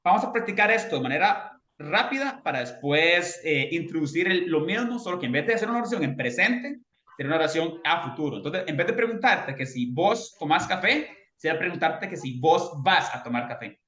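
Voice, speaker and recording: A man's voice: on the high side, big pitch swings, a little fast, sharp tone. Patient male English teacher, roomy sound. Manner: patient, checks in often with students. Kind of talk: explaining grammar to a beginner class.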